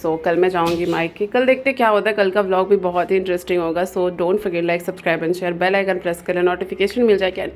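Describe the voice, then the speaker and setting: A woman's voice: lowish voice, steady tone, moderate pace, few pauses, a little hiss or hum. A woman vlogger chatting casually, telling the story of her day and mixing English words into her talk.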